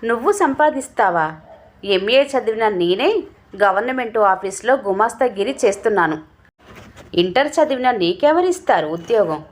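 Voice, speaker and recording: A woman voicing an angry, scornful husband who scolds and mocks his wife. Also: on the high side. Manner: scolding, mocking.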